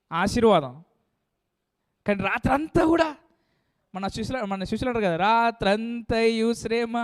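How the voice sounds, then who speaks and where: A male pastor preaching a sermon emphatically, often calling for amen and hallelujah. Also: extremely high pitch.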